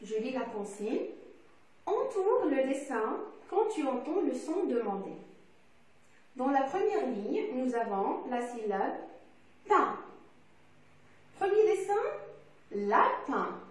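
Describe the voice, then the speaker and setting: Slow, lively teacher woman in echoey room. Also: a little high. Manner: slow, deliberate, repeats and stresses each word. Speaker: primary school teacher. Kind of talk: classroom lesson for young children. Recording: echoey room, voice far from mic, faint hiss.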